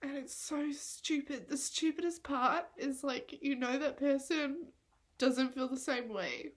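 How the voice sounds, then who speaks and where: Tearful young woman, high slow voice. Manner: rambling, self-mocking, laughs through tears; swears often. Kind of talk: confessional vlog.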